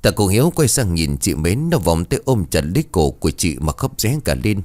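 A man narrating a ghost story in an expressive, dramatic storytelling manner. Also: deep voice, brisk, dry recording.

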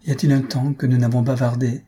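A husky-voiced man reading aloud, voicing an eager, impulsive young woman in a storybook. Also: medium pitch, little pitch movement, fast talker, warm tone, lightly acted. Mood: effusive.

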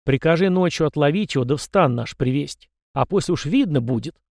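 A man's voice: on the high side, lively intonation, brisk, a little mellow, no echo, studio quality. A man reading an audiobook and voicing an arrogant, hot-tempered teenage prince who speaks haughtily and stubbornly. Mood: petulant. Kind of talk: audiobook character voice.

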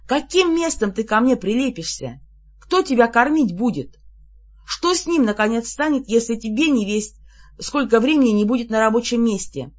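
An audiobook reader narrating in the first person, lively and exasperated in the heroine's lines. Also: medium pitch, normal speed, dull audio.

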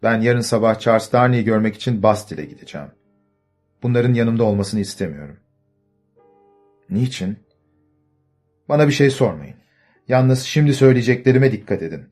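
A man's voice: mid-range voice, moderate pace, pauses often, a little mellow, faint music behind, close to an everyday voice. A man voicing a grave, determined young man in an audiobook, speaking urgently and with command.

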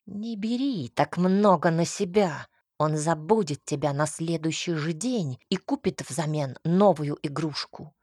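A woman's voice: sits low, measured pace, few pauses, a little mellow, breathy edge, no echo, studio quality. A woman voicing a menacing, obsessive young man in an audiobook, speaking in a sugary, venomous, threatening tone. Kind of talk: audiobook character reading.

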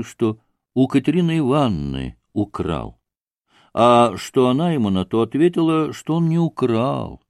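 A man narrating classic fiction in an audiobook with an expressive, varied reading. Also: mid-range voice, no echo, studio quality.

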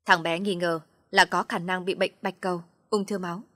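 A woman voicing a calm, careful male doctor who speaks in measured words, in a storybook reading. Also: lowish voice, dry recording, clean studio sound, lightly acted. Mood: grave.

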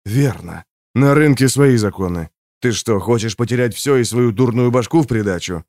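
A man's voice: mid-range voice, normal speed, darkish tone, no room sound, clean studio sound, close to an everyday voice. A man voicing a tough male police detective who speaks bluntly and with authority. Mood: stern. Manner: blunt and commanding.

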